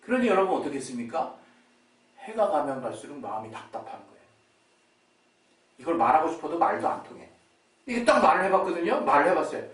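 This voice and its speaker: Man, pastor, sermon, animated storytelling, lively pitch, roomy church hall, distant mic. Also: fast talker, long pauses. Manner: animated, laughs often, acts out quotes.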